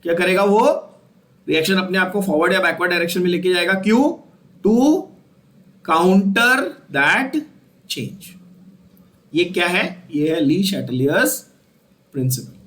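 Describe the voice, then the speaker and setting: A man's voice: sits high, expressive, unhurried, pauses often, fairly bright tone. A man giving a chemistry lecture, asking the class questions and repeating key terms as he switches between Hindi and English. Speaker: chemistry teacher.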